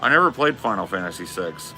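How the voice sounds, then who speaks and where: Chatting on a live stream while reading chat, this streamer in his forties is relaxed, slangy and frequently profane. He has a low, sing-song voice that moves fast and sounds pushed and bright over quiet background music.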